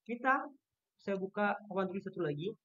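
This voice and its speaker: A Turkish language teacher from Indonesia giving an online lesson with a shared screen, patiently repeating each letter sound slowly to show how it is pronounced. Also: medium pitch, expressive, fairly bright tone, highs cut off.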